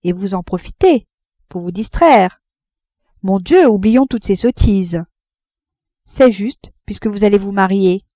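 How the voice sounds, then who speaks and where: A reserved married lady with a gently ironic, restrained way of speaking in a storybook reading, read by a woman. her voice is mellow and warm, recorded close and dry with no room sound. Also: medium pitch, animated, unhurried, pauses often, no room sound. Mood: wistful.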